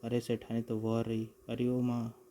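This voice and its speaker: A man's voice: medium pitch, completely flat delivery, normal speed, mellow, slight background noise, natural voice. Man doing a cowardly whining con man. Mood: panicked. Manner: wailing and pleading. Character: greedy young male con man, cowardly whiner.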